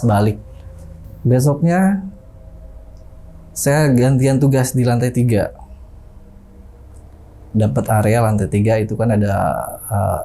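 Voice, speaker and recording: A young man with a fairly low, dark-toned voice tells a personal ghost story in a chatty manner. He keeps addressing his listener as "Bang" and mimics the sounds he heard.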